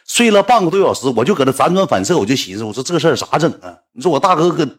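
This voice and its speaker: A man with a Northeastern Mandarin accent spins a personal anecdote in a chatty, self-mocking way. His voice is husky and a little rough, and he talks at a rapid clip. His pitch swings widely as he tells it. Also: sing-song. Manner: chatty, colloquial, self-mocking, with many restarts. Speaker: storyteller. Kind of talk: casual personal storytelling.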